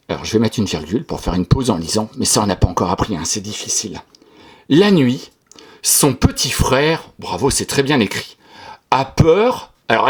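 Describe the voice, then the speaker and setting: A man teaching a class, correcting a pupil's written text line by line in an encouraging, sing-song way. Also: fairly high pitch. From France. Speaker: primary school teacher.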